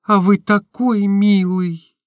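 Breathless lovestruck young woman in a classic novel read aloud, high and dry, played by a man. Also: level tone, takes it slowly, no room sound. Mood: gushing. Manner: breathless, emotional, rising exclamations. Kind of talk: audiobook reading.

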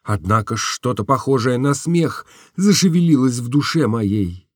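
A man reading a classic novel aloud as an expressive, emotional first-person narrator. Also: mid-range voice, unhurried, dry recording, studio quality. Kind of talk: audiobook reading.

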